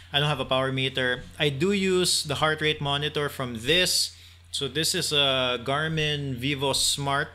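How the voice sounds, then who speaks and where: A man in his thirties talking casually to camera from a small room at home, relaxed and chatty, with fillers and restarts. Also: mid-range voice, slight background noise. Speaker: cycling vlogger.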